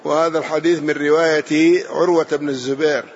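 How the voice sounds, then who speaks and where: A man teaching and clarifying religious texts in a calm, explanatory way, his voice sitting slightly high. The sound is muffled and lo-fi, with a faint hiss. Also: brisk. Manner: calm explanatory glosses, affirming with short acknowledgements. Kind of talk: religious lesson commentary.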